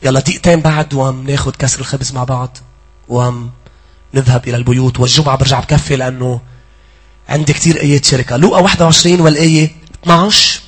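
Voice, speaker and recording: A man with a Lebanese accent preaching a sermon, swinging between loud pleading and hushed asides. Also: mid-range voice, steady tone, rapid-fire, breathy edge. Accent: Lebanese Arabic.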